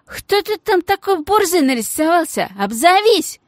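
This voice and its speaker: A hoarse, rasping street-gang boss , acted by a woman narrator barks threats in thieves' slang, his voice loud and strained. The audiobook reading is dry and close, with no room sound. The pitch climbs high as he yells. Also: animated, unhurried, no echo. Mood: menacing. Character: hoarse menacing male street-gang leader.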